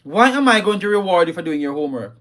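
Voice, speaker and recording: Man, high voice, emphatic, scolding, repeats himself, live host. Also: lively intonation, fast talker, a bit bright. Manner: reads out viewer comments. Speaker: livestream host. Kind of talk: live talk on parenting.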